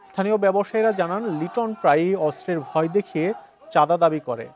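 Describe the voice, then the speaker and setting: A man's voice: high-pitched, fairly quick, a faint crowd, slight background noise. A man with a Bangladeshi accent narrating a scripted news report as a reporter.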